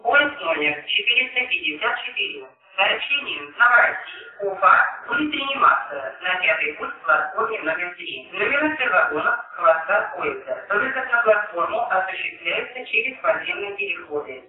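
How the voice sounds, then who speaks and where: A man reading formal, measured public-address announcements at a railway station, in the manner of an airport announcement. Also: mid-range voice, big pitch swings. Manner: formal, measured announcing with set phrases repeated. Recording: echoey distant station loudspeaker, muffled lo-fi.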